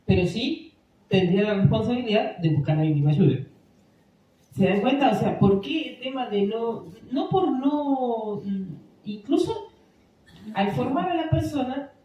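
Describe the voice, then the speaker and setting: A woman's voice: a little high, mellow, lo-fi sound, a little hiss or hum. A woman giving an informal training talk to a parish group, conversational and often checking that listeners follow. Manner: conversational, asks the room for agreement often. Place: parish meeting room. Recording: echoey room, distant mic.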